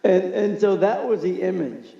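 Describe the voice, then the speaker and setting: Gravelly, animated male storyteller. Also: high-pitched, normal speed. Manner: animated, laughs through his stories. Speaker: podcast guest. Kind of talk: casual storytelling. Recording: echoey, muffled room recording.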